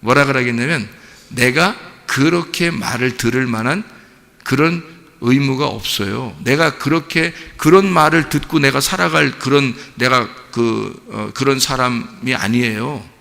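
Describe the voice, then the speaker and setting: A man's voice: mid-range voice, a little slow, vocal fry, pushed and bright. A man preaching as a pastor, asking the congregation questions and building to emphatic insistence. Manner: asks the congregation rhetorical questions. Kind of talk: sermon. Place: church sanctuary. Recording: long reverb of a church hall.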